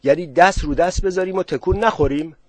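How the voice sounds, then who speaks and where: A man's voice: high-pitched, darkish tone, no echo, pitched above the performer's own voice. Man reading as a fretful villager, doubtful, raised voice, dry sound. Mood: uneasy.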